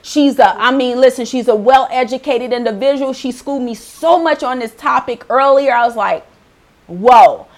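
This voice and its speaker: A woman hosting a faith-based talk show in a chatty, animated way, laughing often. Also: high voice, normal speed. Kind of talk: casual faith-based chat.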